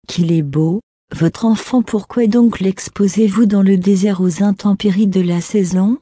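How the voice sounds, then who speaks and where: A woman's voice: medium pitch, steady tone, measured pace, mellow, no echo, clean studio sound, natural voice. A woman reading the part of a grieving desert mother, in an earnest, declamatory way. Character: grieving desert mother, proud then softening.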